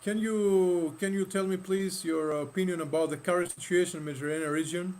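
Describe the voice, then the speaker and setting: A man with a notably high voice hosts an online panel over a video call. He talks haltingly, restarting and repeating himself and filling gaps with "uh". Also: fairly even intonation, a little mellow. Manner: halting, repeats words, many fillers. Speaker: host.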